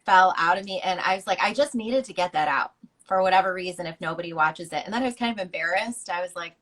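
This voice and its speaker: A woman's voice: lowish voice, fast, fairly bright tone. Candid, chatty woman guest. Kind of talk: casual interview chat. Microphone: video call.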